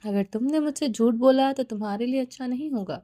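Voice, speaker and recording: A stern, demanding young wife, as a woman narrator reads her presses question after question in a storybook reading. Her voice sits high but mellow, with dry, close sound. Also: dry recording, lightly acted. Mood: insistent.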